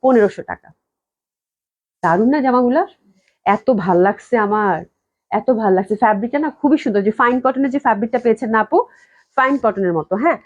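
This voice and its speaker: A woman with a slightly high voice, speaking quickly but pausing often, sells dresses on a live online stream from her company's office. She gushes and repeats her praise while coughing frequently as she recovers from a cold. The recording sounds muffled.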